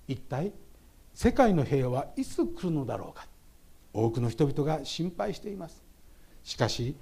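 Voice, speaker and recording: A man from Japan preaches a memorial service sermon as pastor, speaking emphatically and calling out to the congregation again and again. His voice sits fairly high, swings widely in pitch and sounds mellow and husky.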